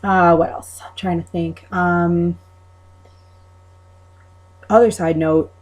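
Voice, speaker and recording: Slow and fairly even in intonation, her lowish, darkish voice carries a Long Island accent. She's a video maker from New York describing that accent, hesitant and informal, meandering as she works out her thoughts aloud.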